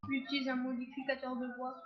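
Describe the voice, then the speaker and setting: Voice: high voice, monotone, quick pace. Someone faking a stern father through a voice changer. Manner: awkward, hesitant, formal scolding. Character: boy's father, stern, scolding. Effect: voice changer disguising the voice. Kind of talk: voice chat in an online game. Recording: muffled lo-fi voice chat with music.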